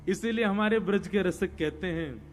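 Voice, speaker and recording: A man's voice: sits high, moderate pace, slight background noise. A man telling a devotional story as a preacher, acting out the characters and breaking into song. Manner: acts out child and devotee voices, breaks into song. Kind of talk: devotional storytelling sermon with singing.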